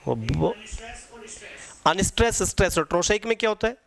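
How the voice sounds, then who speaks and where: A man's voice: high-pitched, very animated, brisk, vocal fry. A man teaching an exam-prep lecture. He repeats key points and quizzes his students.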